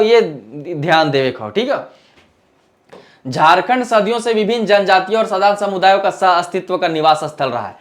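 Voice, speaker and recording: A man teaches an exam-prep class in a fairly high voice. His delivery is conversational, and he often pauses to check that the students are following. He drops into local dialect whenever he gives an example.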